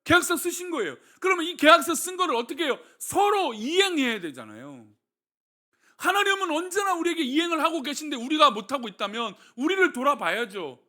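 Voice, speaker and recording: A man's voice: extremely high pitch, very animated, brisk, bright, forceful tone. Middle-aged pastor guy preaching casually, swoops up and down a lot. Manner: conversational, asks the congregation questions. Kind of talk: sermon.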